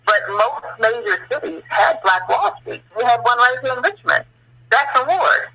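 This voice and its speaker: A man's voice: extremely high pitch, lively intonation, moderate pace, crowd noise, poor audio. A man speaking as a guest on a radio talk show, telling history in an earnest way that rises to impassioned questions.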